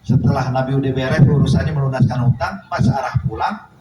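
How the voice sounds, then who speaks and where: In a mosque or study hall, a man of medium pitch preaches a sermon at a brisk pace, telling a story and animatedly acting out its dialogue. The hall echoes, the mic sits at a distance, and there is noise.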